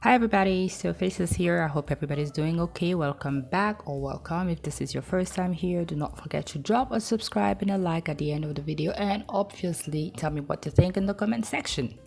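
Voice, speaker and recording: A woman's voice: lowish voice, a little fast, gravelly, few pauses, darkish tone. A woman from Africa with an African accent, hosting a reaction video in a chatty, rambling, frank way. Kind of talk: casual chat.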